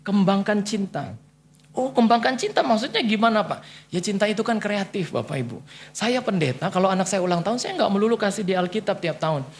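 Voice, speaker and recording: A man's voice: high-pitched, lively intonation, a little fast, a little hiss or hum. A male pastor preaching a humorous sermon, telling jokey stories and acting out the voices of the people he quotes. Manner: joking storyteller, acts out voices in quotes. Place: church.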